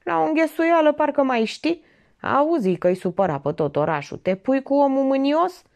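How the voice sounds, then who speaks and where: A woman's voice: high voice, animated, darkish tone, dull audio, voice pushed up. A woman voicing a frightened, paralyzed male beggar with a trembling voice, in an audiobook. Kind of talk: audiobook character reading.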